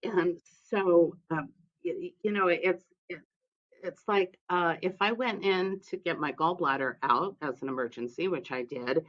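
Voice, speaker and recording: Lower-voiced woman, emphatic storyteller. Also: a little slow, dull audio. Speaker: guest instructional specialist. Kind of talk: podcast interview.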